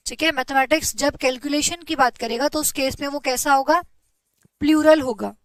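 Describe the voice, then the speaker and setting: A young woman teaching an English grammar class online, explaining patiently, checking in with her students and dictating example sentences slowly. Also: sits high, a bit bright, dry recording, poor audio.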